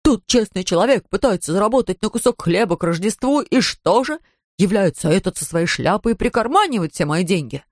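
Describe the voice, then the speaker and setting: Woman reading as a wailing, self-pitying street musician, shrill and loud. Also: expressive, fairly quick, dry recording, clean studio sound, lightly acted. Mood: outraged. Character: shabby indignant street musician man.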